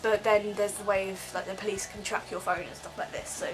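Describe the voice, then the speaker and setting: Teen girl, casual vlog rant, rambling, lots of ums, mid-pitched, music underneath. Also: level tone, a little fast, low-quality recording. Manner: rambling, filler-heavy, frequent ums. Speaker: vlogger. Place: bedroom, on her bed.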